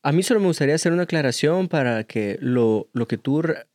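A man speaks in a slightly raised register. His tone is measured and conversational as he clarifies points about faith. The sound is dry, with no room echo. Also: a little high, animated, a little mellow.

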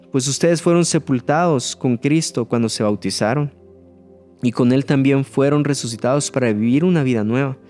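A man preaching a sermon, earnest and slowing down to stress key phrases, with light jokes. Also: mid-range voice, darkish tone.

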